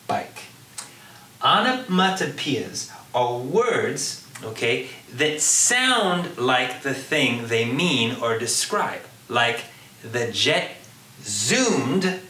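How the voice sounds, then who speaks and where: A man's voice: medium pitch, bright, forceful tone, distant mic. Man teaching a literature video lesson. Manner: explanatory, addresses students directly with prompts. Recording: roomy, off-mic, faint hiss.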